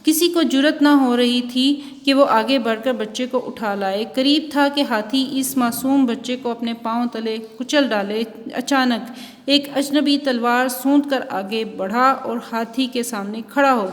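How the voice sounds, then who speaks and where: A woman teacher giving a recorded school lesson, explaining punctuation and reading a story aloud at a slow, careful pace. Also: a little high, in a large hall. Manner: reads textbook examples and a story aloud, explaining slowly. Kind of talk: online Urdu class lecture.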